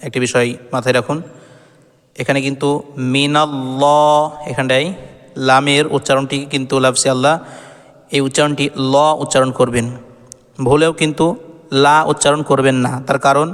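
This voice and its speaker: A man with a Bangladeshi Bengali accent teaching Quran reading, spelling out Arabic syllables and chanting the words slowly and melodically. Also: mid-range voice, little pitch movement, fairly bright tone. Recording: long reverb, faint music behind.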